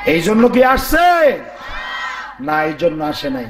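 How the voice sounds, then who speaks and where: A hoarse man delivers a sermon in a high voice, putting rhetorical questions to the crowd and chanting verses. The sound is echoey, as if through a public-address system. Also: huge pitch swings, slow pace, shouting. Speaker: preacher. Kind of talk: Bengali waz sermon.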